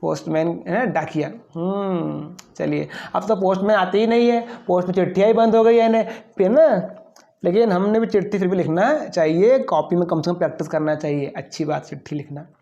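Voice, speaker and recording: A man's voice: high voice, brisk, warm tone. A male English teacher giving a class lesson. He poses each question and answers it himself, with playful asides between the words. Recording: dull lo-fi recording.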